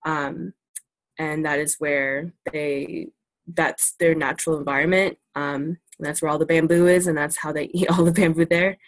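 A young woman whose first language is English presents to students about China over a laptop webcam video call, her low voice carrying fairly even intonation at normal speed. The casual virtual classroom Q&A is easygoing and full of ums and likes. There's no room sound.

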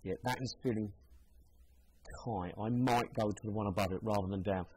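A man's voice: fairly low pitch, fairly even intonation, moderate pace, darkish tone, a little hiss or hum, poor audio. A man, a shoe seller giving a casual, chatty demonstration and thinking aloud as he goes. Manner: chatty, thinking aloud while trying on shoes.

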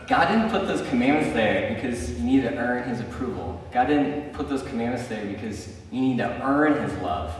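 In a church sanctuary, a young male preacher of medium pitch tells stories in a chatty, informal sermon, peppered with ums and likes. The sound is distant and echoey, as in a church hall, with a little hiss or hum.

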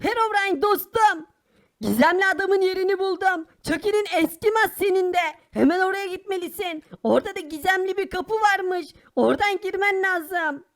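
A woman voicing a bold, hot-tempered poor young boy hero in a cartoon, bossy and quick to scold. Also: very high-pitched, a bit bright. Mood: urgent. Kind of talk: animated cartoon voice acting.

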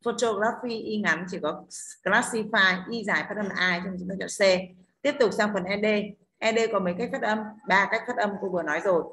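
A woman teacher with a Northern Vietnamese accent takes an online class through pronunciation rules one step at a time, pausing often to ask whether everyone follows. Her voice sits at a medium pitch, and a faint background hiss runs under the recording. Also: bright, forceful tone. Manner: explains step by step, keeps checking with "đúng không?". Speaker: English teacher.

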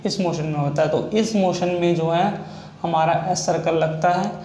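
A man's voice: a little high, fairly even intonation, moderate pace, a little mellow. A man teaching a shorthand lesson, explaining each step over and over. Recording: echoey room with faint noise.

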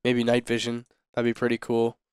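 A man's voice: mid-range voice, normal speed, smooth, no room sound, clean studio sound. Sick-voiced man chatting over gameplay. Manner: relaxed, chatty, many ums and uhs. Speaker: gaming video host. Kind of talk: casual gameplay commentary.

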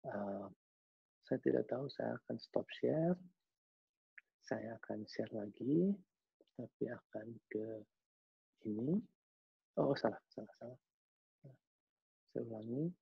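A man giving a lively webinar lecture, acting out facial expressions with casual slang asides. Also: mid-range voice, slow pace, creaky, pauses often, breathy edge, no echo. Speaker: behavioral analyst giving a webinar talk. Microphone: video call. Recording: dull lo-fi video call audio.

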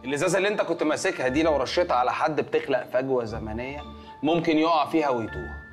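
A man's voice: fairly high pitch, racing, over music, close to an everyday voice. An actor playing a know-it-all man who explains strange weapons in a mock-serious, scolding way, with an Egyptian accent. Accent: Egyptian Arabic.

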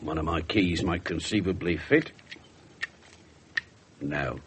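An actor playing a cynical, slovenly middle-aged police inspector with a British accent, offhand and sardonic, in a 1970s radio drama. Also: male voice, low voice, slow pace. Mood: wry, dismissive. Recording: slightly noisy 1970s radio recording.

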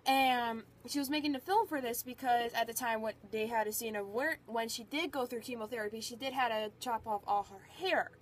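A woman's voice: a little high, fairly quick, hardly any pauses, a little hiss or hum. A young woman casually reviewing a book on camera, rambling and chatty, a little out of breath. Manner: rambling, chatty, filler-heavy. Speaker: book vlogger. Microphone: phone or webcam.

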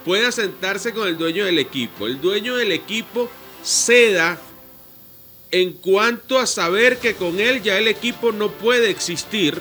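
Venezuelan male panelist, bright voice, explains patiently, faint music under him. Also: high-pitched, a little slow. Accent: Venezuelan Spanish. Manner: explanatory, addresses host formally. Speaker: radio show panelist. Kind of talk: debate commentary.

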